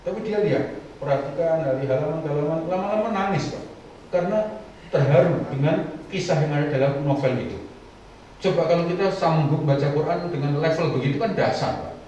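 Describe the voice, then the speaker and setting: A man's voice: a little high, a little fast, darkish tone, a little hiss or hum. Man preaching in an echoey hall. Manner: humorous, acts out little scenes from daily life; addresses listeners as Bapak Ibu. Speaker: Islamic preacher. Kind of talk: Ramadan sermon. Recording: dull, echoey hall from a distance.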